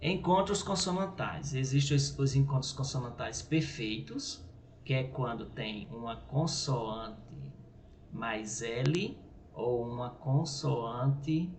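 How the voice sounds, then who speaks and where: Man teaching grammar in an echoey room. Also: mid-range voice. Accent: Brazilian Portuguese. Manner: explanatory, checks in with "certo?" and "ok?". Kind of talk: recorded grammar lesson. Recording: echoey room with faint noise.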